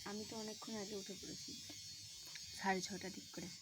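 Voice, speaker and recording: A woman's voice: medium pitch, steady tone, brisk, very noisy. A young woman vlogging at home, talking casually to her viewers and coaxing her child with a sore throat. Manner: chatty, coaxing her child in a sing-song voice. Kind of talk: casual home vlog talk.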